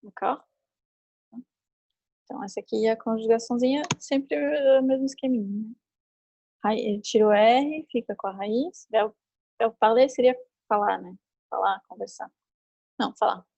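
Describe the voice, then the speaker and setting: Gravelly-voiced woman teaching French online. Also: fairly high pitch, moderate pace, long pauses, a little mellow, no echo, muffled recording. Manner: patient, repeats and checks understanding with tag questions. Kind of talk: online class, explaining conjugations.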